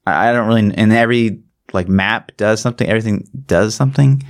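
Co-hosting a gaming podcast, a man explains things in a relaxed, wandering, slangy manner, throwing in some swearing. He speaks quickly at a fairly low pitch.

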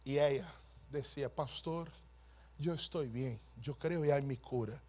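A man preaching a sermon as a pastor, slowly and emphatically, swinging from hushed storytelling to shouted proclamation. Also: medium pitch.

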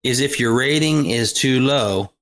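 A man's voice: medium pitch, measured pace, fairly bright tone, slight background noise. Opinionated male podcast co-host. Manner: opinionated, joking. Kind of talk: casual chat.

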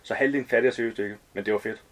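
A man's voice: on the low side, steady tone, natural voice. Chatty, slangy fortyish man, nosy and overly familiar, read by a male author.

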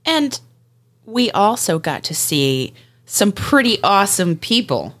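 A woman hosting a casual podcast, bubbly and expressive, laughing easily as she chats. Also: medium pitch, slow pace. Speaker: podcast host.

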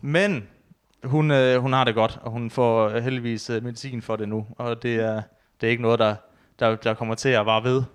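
A man's voice: medium pitch, steady tone, clean tone. A young man and new father, co-hosting a podcast in loose, joking banter with casual swearing.

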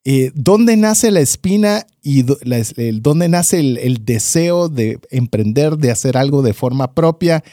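A man's voice: mid-range voice, expressive, measured pace, few pauses, warm tone, no room sound, clean studio sound. A man hosting a podcast, hesitating and restarting as he builds long questions for his guest. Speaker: podcast host. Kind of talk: interview questions.

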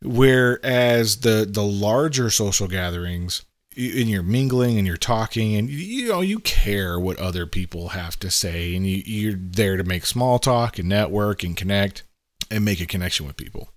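Casting: middle-aged man, lowish voice, relaxed conversational monologue, keeps asking "right?", dry close sound. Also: normal speed, no room sound. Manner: conversational, often asks "right?". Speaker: leader sharing advice. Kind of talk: casual monologue.

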